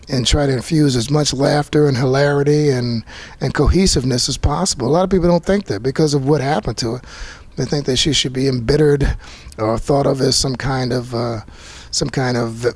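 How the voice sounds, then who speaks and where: A man's voice: medium pitch, dry recording. A man, a playwright, speaking earnestly and reflectively in a talkback interview after a theater performance, often restarting his sentences. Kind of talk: post-show talkback interview.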